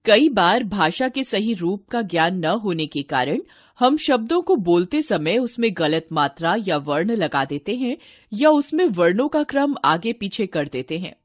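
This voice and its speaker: Slow, lively woman teaching children. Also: medium pitch, no echo, clean studio sound. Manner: addresses children, repeats each word twice. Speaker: teacher reading a textbook lesson. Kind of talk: scripted lesson narration.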